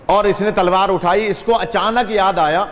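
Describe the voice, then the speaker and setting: A man's voice: sits high, crowd noise. A man preaching a sermon and telling a story to a gathering, urging his listeners to stay awake. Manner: lively narration with audience asides. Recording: reverberant hall.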